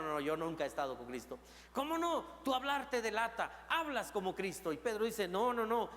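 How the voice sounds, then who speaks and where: Male pastor with a Mexican accent, high voice, impassioned sermon with swings from loud to hushed, church reverb. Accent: Mexican Spanish. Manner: preaching with rising intensity, then dropping to a low, soft tone. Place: church sanctuary. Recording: long reverb of a church hall.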